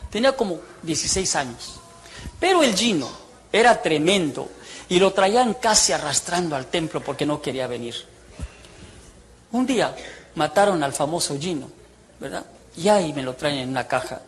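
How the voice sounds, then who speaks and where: A man's voice: on the high side, expressive, moderate pace, pauses often. A man, a former priest telling his testimony with jokes and asides to the crowd. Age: 60s. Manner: storytelling, jokey, teasing the audience. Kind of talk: humorous testimony sermon.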